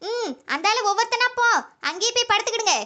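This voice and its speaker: A woman's voice: very high-pitched, quick pace, sharp tone. A woman voicing a stern, scolding female village teacher in a comedy cartoon, nagging in exasperation with a southern Tamil Nadu accent. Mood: exasperated. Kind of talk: comedy skit voice acting.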